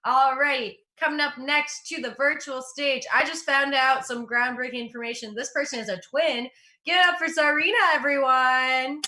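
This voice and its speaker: High-voiced upbeat woman host. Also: fairly even intonation, moderate pace, bright, forceful tone, slight background noise. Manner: upbeat, encouraging. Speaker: show host. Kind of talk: introducing comedians.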